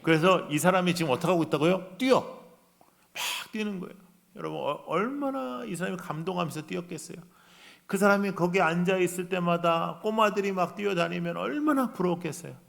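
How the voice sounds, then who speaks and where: Gravelly-voiced male preacher. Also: high voice, lively intonation, fairly quick. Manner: dramatic, acts out voices in the story, shifts between loud and hushed. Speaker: guest preacher. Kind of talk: revival sermon. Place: church sanctuary.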